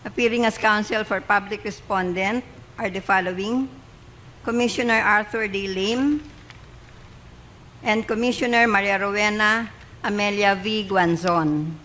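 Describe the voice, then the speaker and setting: Woman, middle-aged, Filipino accent, court clerk, formal roll call, deliberate enunciation, medium pitch, slight background noise. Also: fairly even intonation, a bit bright, poor audio. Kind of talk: formal roll call, reading case titles and names aloud. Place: court session hall.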